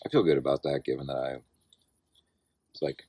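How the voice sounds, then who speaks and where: A man's voice: rumbling low, steady tone, a little fast, dark tone, slightly rough, no room sound. A tired, sore man in his forties, rambling in a laid-back, self-deprecating way as he records a casual outdoor video diary. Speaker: vlogger and amateur cyclocross racer.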